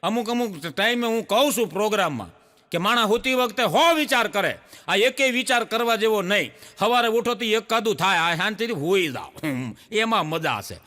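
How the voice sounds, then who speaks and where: A man's voice: high voice, moderate pace, in a large hall. A man telling jokes in a stand-up routine, acting out the old women and wives in his stories. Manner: animated storyteller voicing old women and wives. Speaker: comedian.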